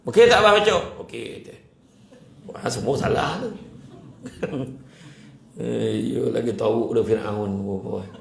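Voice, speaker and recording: A man giving a humorous religious talk, telling lively stories and acting out what people say. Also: mid-range voice, unhurried, creaky, pauses often, a little hiss or hum. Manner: lively storyteller, acts out quotes, jokes often. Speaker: preacher. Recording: echoey room with faint ambience.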